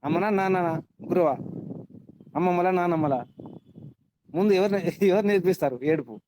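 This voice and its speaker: A man's voice: high voice, a little fast, noisy background. A man teaching a scripture class, quizzing his students and repeating his points for emphasis. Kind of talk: interactive class lecture.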